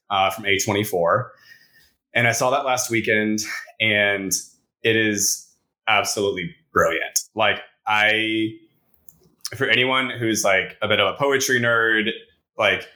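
A man's voice: fairly low pitch, pushed and bright. A man co-hosting a casual podcast, talking in an enthusiastic, rambling way peppered with "like". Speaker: podcast co-host. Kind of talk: casual chat.

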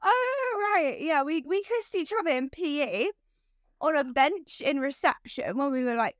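A woman's voice: high voice, lively intonation, measured pace, dry recording, clean studio sound. A teenage girl co-hosting a podcast, chatting casually in a giggly, rambling way with many fillers. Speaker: podcast co-host. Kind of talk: casual chat.

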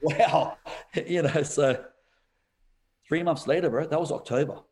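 A man, a pastor telling a personal story in a podcast interview, animated and quick to laugh. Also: a little high, slight background noise. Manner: animated storyteller, laughs often, says "bro".

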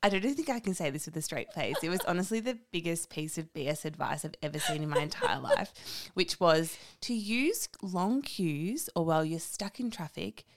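A woman's voice: fairly low pitch, expressive, normal speed, few pauses. A young woman, co-hosting a casual podcast chat, speaking candidly and frankly. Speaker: podcast co-host.

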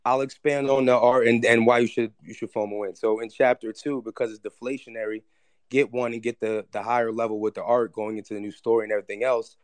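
A man's voice: medium pitch, little pitch movement, fast, smooth, no room sound. A man speaking casually to his community as a project founder, earnest and slangy, often restating his point. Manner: earnest, slangy, repeats himself.

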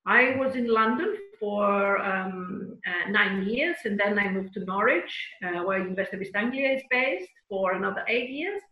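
A middle-aged woman from Greece, a professor being interviewed on a podcast, speaking with many pauses and fillers. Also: mid-range voice, lively intonation, reverberant, highs cut off. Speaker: guest professor.

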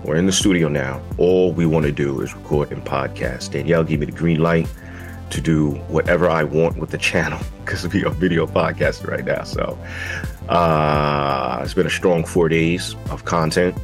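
A man with a croaky, froggy morning voice hosting a casual, slangy video podcast, talking straight to his listeners. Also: rumbling low, fairly even intonation, moderate pace. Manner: informal, slangy, addresses listeners directly. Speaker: podcast host. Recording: music behind the voice. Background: music.

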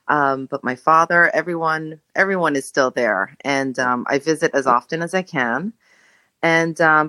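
A middle-aged woman from Jamaica, a podcast guest telling her story in a reflective way, pausing to search for words. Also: sits low, pushed and bright, no room sound. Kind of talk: casual conversation.

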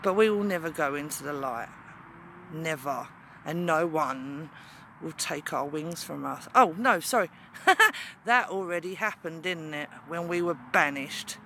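Woman doing a slow gloaty demon queen, bright voice, faint noise behind. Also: deep voice, animated, heavily acted. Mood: gloating menace. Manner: taunting, with drawn-out evil laughs. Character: menacing female demon wrestling champion, gloating. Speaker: wrestling promo performer. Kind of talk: wrestling promo.

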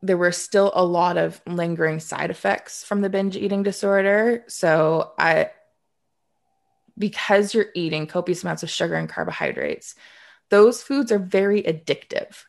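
A Canadian woman of about thirty speaks as an interview guest, frank and reflective. She loops back to restart her thoughts and slips in a dry sarcastic aside. Her voice sits a bit low with a lot of vocal fry. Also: animated, normal speed. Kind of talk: candid conversational storytelling.

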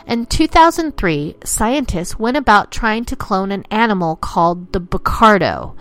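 A woman's voice: mid-range voice, sing-song, unhurried, a bit bright. A woman reading an explanatory scripted narration in the manner of a nature documentary, in long formal sentences. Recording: voice-over with music underneath. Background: music.

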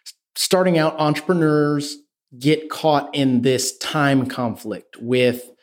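A man's voice: fairly high pitch, fairly even intonation, takes it slowly. A man hosting a podcast interview, asking long, rambling questions with enthusiasm. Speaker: podcast host. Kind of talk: casual interview chat.

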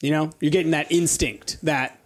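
A man acting as game master, improvising narration for a tabletop game in a halting, thinking-aloud way. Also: on the high side, steady tone.

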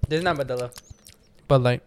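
A man's voice: mid-range voice, fast, a little mellow, clean tone. A young man in casual banter, speaking in short, slangy bro-style bursts.

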